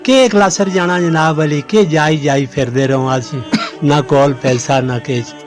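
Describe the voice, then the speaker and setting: Older Hindko-accented laborer, halting and grief-stricken, slightly high pitch, soft music bed. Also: male voice, steady tone. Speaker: laborer interviewee. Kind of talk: emotional testimony.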